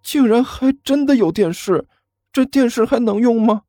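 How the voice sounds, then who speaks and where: A man voicing a brash young male apprentice who talks high, excitable and stammering in a storybook reading. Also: moderate pace, dry recording, clean studio sound. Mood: excited, complaining.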